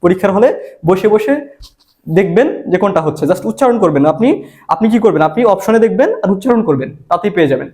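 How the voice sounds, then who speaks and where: A man's voice: high voice, animated, fast talker, darkish tone. A man, teaching an exam prep lesson and asking and answering his own questions. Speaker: admission exam tutor. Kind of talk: spoken grammar lesson.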